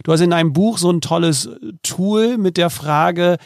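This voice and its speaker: A man's voice: high voice, normal speed, dry recording, clean studio sound. A man hosting a podcast interview, asking friendly questions with frequent hesitations. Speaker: podcast host.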